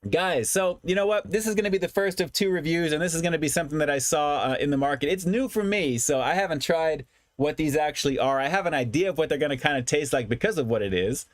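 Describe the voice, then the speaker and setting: A man's voice: on the high side, fast, few pauses, no room sound. Casual man hosting a food livestream, dry sound. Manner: repeats phrases for emphasis. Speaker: livestream food review host. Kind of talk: casual livestream chat, reading and answering comments.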